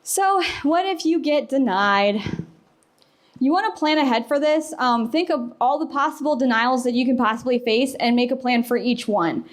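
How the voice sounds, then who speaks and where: A woman's voice: high voice, normal speed. A young woman from the US Midwest and South giving a casual conference talk, chatty and full of fillers, acting out bits of dialogue. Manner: chatty, filler-heavy, acts out quoted dialogue. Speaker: conference presenter. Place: conference room.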